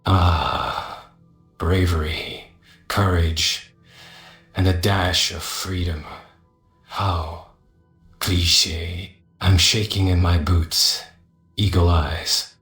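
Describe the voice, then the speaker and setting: A man voicing a scheming, mocking mercenary companion in a fantasy game, sardonic and condescending, with drawn-out taunts. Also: deep voice, flat delivery, fairly bright tone, roomy sound, soft background music, exaggerated voice.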